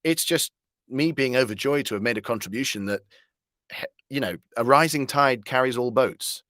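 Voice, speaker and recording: Here a male voice actor, a guest in a conversational interview, talks at a normal pace in a medium-pitched, fairly bright voice. He is articulate and verbose, with playful turns of phrase, captured in a dry studio recording.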